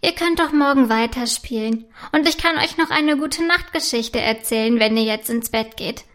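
Woman voicing a gentle, soothing castle carer, loving, high voice. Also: normal speed, close to an everyday voice.

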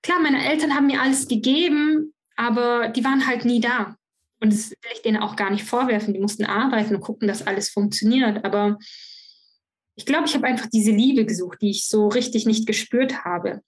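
On a podcast, a young guest with a fairly high voice shares her story candidly and with emotion, talking fairly quickly. It's a personal interview conversation, and she frequently restarts her sentences.

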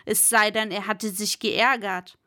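A woman voicing a harsh, domineering male castle lord in a read-aloud story, speaking slowly. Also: mid-range voice, fairly even intonation, sharp tone. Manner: domineering, scolding.

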